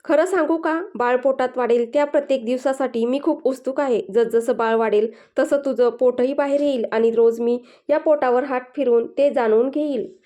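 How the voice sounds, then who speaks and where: A woman's voice: high-pitched, moderate pace, dark tone, lightly acted. A woman voicing a playful, affectionate young husband in a read-aloud story. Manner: playful, teasing. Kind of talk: storybook dialogue reading.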